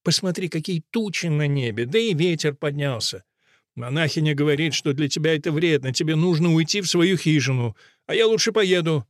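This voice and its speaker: A man reading an audiobook, voicing a weary, patient old man who mutters and tries to calm his friend. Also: fairly high pitch, brisk, no echo, clean studio sound, natural voice. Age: older. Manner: muttering, calming.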